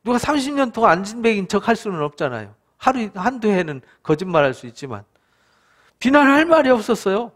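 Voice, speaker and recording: High-voiced Korean pastor teaching scripture. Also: male voice, very animated, brisk, a bit bright. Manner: conversational, asks the listeners for agreement, acts out quoted speakers. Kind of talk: Bible study lecture.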